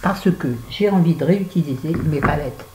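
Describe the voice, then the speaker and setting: Working through a make-up tutorial, this French beauty vlogger chats casually, addressing viewers one moment and herself the next. She has a deep voice and a moderate pace, heard on a muffled recording with a noisy background.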